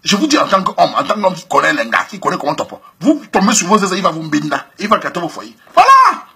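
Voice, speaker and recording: This host, a man with a Cameroonian French accent, talks fast with a husky, fry-tinged voice. He responds to a listener's letter with advice delivered in slangy, energetic fashion, laughing often and alternating between booming bursts and hushed remarks.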